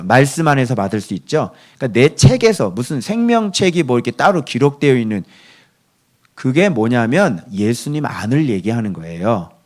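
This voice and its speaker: Male pastor, devotional sermon, lively swooping pitch, keeps checking in with the congregation, whispers scripture quotes. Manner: asks the listeners for constant agreement, answers himself.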